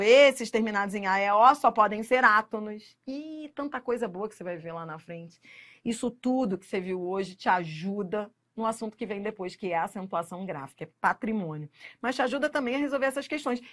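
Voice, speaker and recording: A woman's voice: on the high side, fairly bright tone. A woman with a Brazilian accent teaching grammar for exam preparation, speaking straight to the viewer and stretching out the key words for emphasis. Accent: Brazilian Portuguese. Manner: emphatic, drawn-out stressing of key words, direct address to the viewer. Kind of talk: exam-prep lecture to camera.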